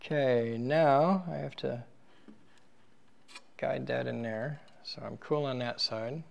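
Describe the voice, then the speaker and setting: This man talks slowly at medium pitch, and the high frequencies of the recording are cut off, with clear background noise and handling clicks. He hosts an equipment teardown series, working with his hands in a casual demonstration, muttering informally to himself and growing animated as he addresses viewers.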